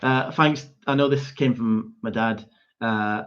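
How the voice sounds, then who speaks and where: A young man hosts a quiz at an unhurried pace, repeating each question and spelling out words for the teams. He often chuckles and trips over his words before correcting himself. The audio comes through dull and lo-fi. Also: mid-range voice, steady tone. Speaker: quiz host. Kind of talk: hosting an online pub quiz.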